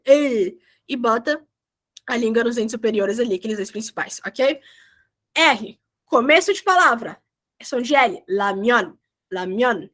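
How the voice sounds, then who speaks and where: A woman's voice: high-pitched, sharp tone. Chatty woman teaching online. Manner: chatty, encouraging, drawls out example words. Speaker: language teacher. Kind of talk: online class explanation. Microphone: video call.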